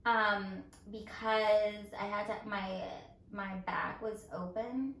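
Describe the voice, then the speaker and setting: A woman's voice: mid-range voice, steady tone, slow pace, a bit bright, echoey room, slight background noise. A woman co-hosting a casual chat while doing makeup, giggling often. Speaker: co-host.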